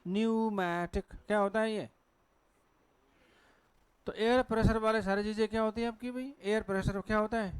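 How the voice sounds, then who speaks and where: A man with a Hindi accent teaches a class at a board, his voice high and crisp. He keeps asking questions and then answering them himself. The recording is dry and close. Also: flat delivery, a little fast, long pauses, no room sound. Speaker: English teacher. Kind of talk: classroom lecture on pronunciation.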